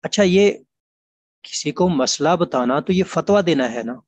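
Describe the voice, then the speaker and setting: A man teaching an online grammar class, explaining patiently and repeating examples slowly. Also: on the high side, animated.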